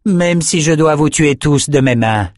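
A man's voice: medium pitch, unhurried, darkish tone, no echo, studio quality, natural voice. A man reading an audiobook voices a fierce, seductive female warrior who hisses her threats with mocking menace. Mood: threatening.

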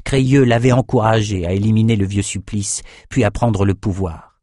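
Low-voiced man reading a dark fantasy novel. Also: moderate pace, no echo, studio quality. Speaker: audiobook narrator. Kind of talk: scripted narration.

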